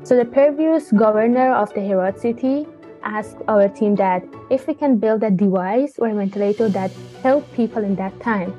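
A woman's voice: medium pitch, moderate pace, mellow, soft background music. A young woman from Afghanistan, a student engineer, answering earnestly in second-language English. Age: young adult. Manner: earnest, non-native grammar. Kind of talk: interview answers.

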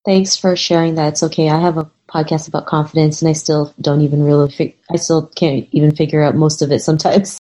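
A woman's voice: sits low, little pitch movement, brisk, hardly any pauses, dark tone. A woman hosting an interview podcast, who keeps thanking and affirming her guest. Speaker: podcast host.

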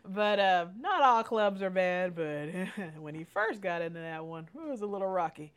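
A woman's voice: fairly low pitch, expressive, moderate pace, smooth. A middle-aged woman hosting a podcast, telling candid personal stories in casual chat, laughing often and swearing freely. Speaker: podcast host.

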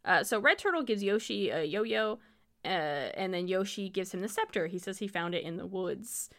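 A woman's voice: mid-range voice, expressive, normal speed, fairly bright tone. A woman co-hosting a podcast, recapping a movie in casual chat, wry and amused and laughing often. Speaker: podcast co-host.

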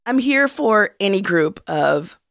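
A woman co-hosting a podcast, talking in an animated, opinionated and slangy way. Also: mid-range voice, a little slow, no room sound, clean studio sound. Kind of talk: casual chat.

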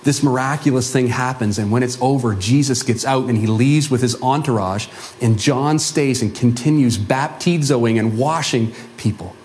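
A man preaching a sermon as a pastor, telling a Bible story in an animated way and acting out the voices of the people in it. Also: mid-range voice, normal speed, a little hiss or hum. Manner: animated, acts out quoted voices.

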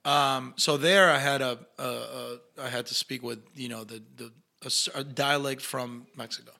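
Telling stories in a casual interview, this young actor guest speaks English with the Argentine accent of his native Spanish, loosely and animatedly mimicking the people he quotes. His middle-pitched voice is bright and forward yet gravelly, at a normal speed.

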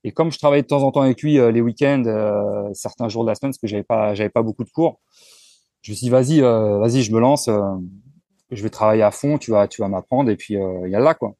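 Male interview guest, 40s; mellow, frank, hesitant, dry close recording. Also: fairly low pitch, quick pace, dry recording. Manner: relaxed, frank, with frequent hesitations and restarts. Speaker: entrepreneur guest. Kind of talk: casual conversational interview.

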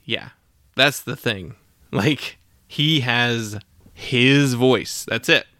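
A man hosting a podcast who talks in a relaxed, rambling way, laughing easily while chatting about music. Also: mid-range voice, extremely slow, no echo, studio quality. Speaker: podcast host. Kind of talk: casual chat.

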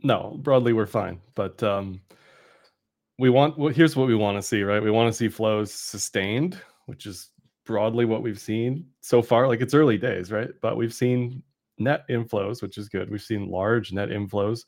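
Male podcast analyst, fairly low voice, conversational and explanatory, loose informal delivery. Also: a little slow, a little mellow. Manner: informal, explanatory, punctuated with "right?". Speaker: podcast co-host, market analyst. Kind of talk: casual market commentary.

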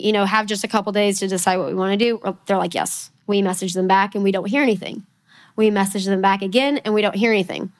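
Texan woman in her 40s giving a chatty church talk, high pitched, joking at herself a lot. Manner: animated, self-mocking, quick asides and laughs. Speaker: speaker at church. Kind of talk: casual storytelling sermon. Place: church sanctuary.

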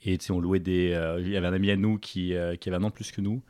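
Un jeune homme de Paris, invité d'un podcast, qui raconte son parcours sur un ton détendu, avec beaucoup d'hésitations et de reprises. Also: male voice, deep voice, rapid-fire, smooth, no room sound, studio quality. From Paris, France. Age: young adult. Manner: relaxed, full of fillers and restarts. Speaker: podcast guest, entrepreneur. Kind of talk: casual interview chat.

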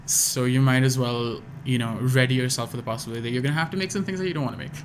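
With an American accent, a young Pakistani guest musician talks very fast on a casual podcast, his speech hesitant and riddled with fillers, false starts and restarts. His pitch is medium with fairly even intonation. Background noise and a faint room ambience are present.

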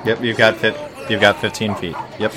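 A man narrating as game master of a tabletop game, matter-of-fact and calm as he gives the rules. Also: lowish voice, moderate pace. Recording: loud crowd chatter and noise behind.

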